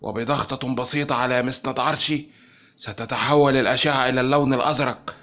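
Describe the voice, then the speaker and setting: A man voicing a cold, mocking male alien emperor in an audiobook, sneering and calm. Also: mid-range voice, fast, soft background music, pitched above the performer's own voice, lightly acted.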